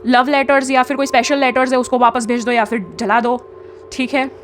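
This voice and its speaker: High-voiced woman reading tarot. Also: little pitch movement, fairly quick, slight background noise. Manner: chatty, mixes English into talk, frequent tag questions. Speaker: tarot reader. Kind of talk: casual spiritual guidance.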